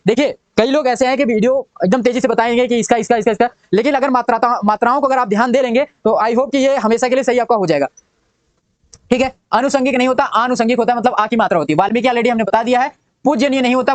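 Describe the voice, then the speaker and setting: A man's voice: very high-pitched, no room sound. A young adult man teaching an exam-prep spelling lesson, repeating each word and quizzing what it turns into. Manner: drilling, repeats each word and asks "what does it become".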